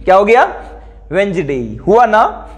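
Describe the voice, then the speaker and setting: Guy teaching english sounds at a board, high voice, keeps quizzing the class. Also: very animated. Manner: asks pupils questions and repeats words slowly.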